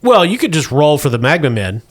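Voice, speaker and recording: A man narrating as game master of a tabletop game, brisk and playful, chuckling through his rulings. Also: on the high side, big pitch swings.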